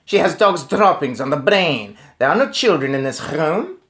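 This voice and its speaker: A woman putting on a cruel witch leader, imperious and barking orders in a raised, lively voice. She sounds commanding in a storybook reading. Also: low voice, moderate pace.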